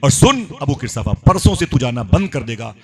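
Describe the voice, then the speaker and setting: A man's voice: mid-range voice, very animated, moderate pace, noisy background, pitched above the performer's own voice. A male preacher voicing an angry, harsh-tongued middle-aged aunt who scolds and threatens her nephew. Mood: impatient. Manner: threatening, bossy.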